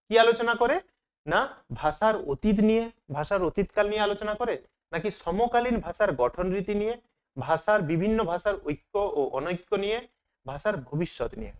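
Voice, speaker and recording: High, lively male teacher quizzing himself. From Bengal. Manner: asks questions and answers them himself. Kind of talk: exam question walkthrough.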